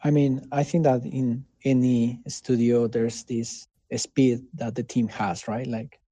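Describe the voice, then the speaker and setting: A game developer whose first language is Spanish answers casually in an interview with a Mexican accent. His medium-pitched, dark voice stays fairly level, and he speaks earnestly and haltingly, often checking that the listener agrees. There's no echo.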